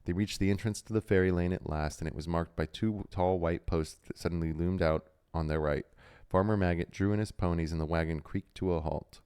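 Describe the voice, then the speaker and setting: A man with a deep, smooth voice reads a novel aloud on a livestream. His reading is steady and storybook-like, broken by relaxed asides. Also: a little fast. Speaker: book club host.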